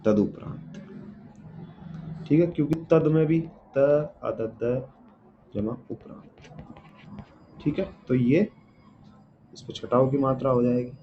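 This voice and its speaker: Slow-talking man teaching spelling. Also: mid-range voice. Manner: explains step by step, asks and answers his own questions; repeats each word and checks with "ठीक है". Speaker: Hindi exam teacher. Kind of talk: spelling lesson walking through words. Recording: dull lo-fi audio with faint room noise.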